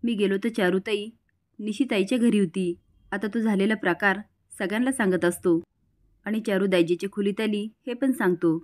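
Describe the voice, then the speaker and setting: A woman retelling the events of a serial episode in brisk, plain narration. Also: medium pitch. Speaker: storyteller.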